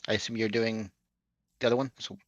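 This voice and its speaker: A man narrating as game master of a tabletop game, amused and lively. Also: on the low side, fast, no room sound, muffled recording.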